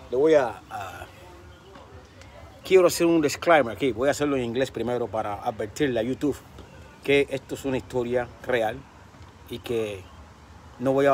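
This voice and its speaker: A man vlogging outdoors by a pool, telling a story in an animated, casual way and slipping into English. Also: mid-range voice, a little hiss or hum.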